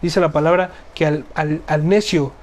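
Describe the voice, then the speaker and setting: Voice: mid-range voice, fairly even intonation, moderate pace, a little mellow. A speaker teaching a Bible study, reading scripture aloud and explaining it earnestly, often repeating phrases and asking rhetorical questions.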